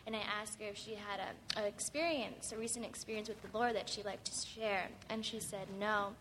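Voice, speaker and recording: A woman shares a simple testimony, her speech halting and full of short pauses. Her voice is of middle pitch. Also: fairly even intonation, a bit bright, a little hiss or hum. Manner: halting, many filler pauses. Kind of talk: casual testimony sharing.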